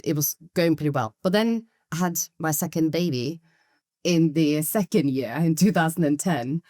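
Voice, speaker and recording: Lively woman from Norway, low voice. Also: no room sound, clean studio sound. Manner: lively storytelling with restarts and quoted asides. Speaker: guest, agency founder. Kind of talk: conversational interview.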